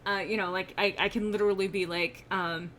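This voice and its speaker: A woman's voice: medium pitch, fairly even intonation, fairly quick, a bit bright, slight background noise. A woman hosting a casual gameplay stream, rambling and self-mocking, sounding a little under the weather and subdued. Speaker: streamer host.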